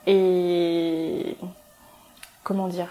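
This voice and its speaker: A woman's voice: fairly low pitch, little pitch movement, extremely slow, dark tone, a little hiss or hum. A woman from France, the founder of a skincare brand, answering interview questions with frequent fillers and restarts. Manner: hesitant, restarts often, many fillers.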